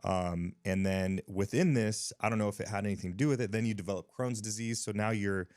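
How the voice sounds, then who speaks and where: A man's voice: lowish voice, steady tone, a little fast, darkish tone, dry recording, studio quality. A man hosting a casual podcast interview, talking in a laid-back, slangy way. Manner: laid-back, slangy, says dude and bro. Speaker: podcast host.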